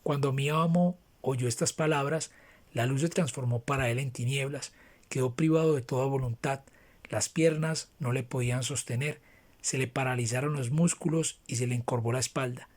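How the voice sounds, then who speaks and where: A man's voice: mid-range voice, fairly even intonation, moderate pace, darkish tone. Man narrating an audiobook tale.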